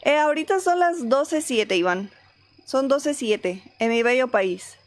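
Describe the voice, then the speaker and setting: A woman's voice: sits high, expressive, a little slow, a little hiss or hum. A woman with a Mexican accent streaming a game from home, chatting casually and greeting viewers by name. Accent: Mexican Spanish. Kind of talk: casual live-stream chat.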